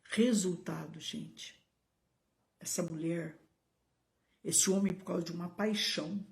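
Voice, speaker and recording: A middle-aged woman pastor with a Brazilian Portuguese accent preaching a live-streamed sermon, emphatic, with sudden high exclamations, speaking to viewers by name. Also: steady tone, takes it slowly, creaky.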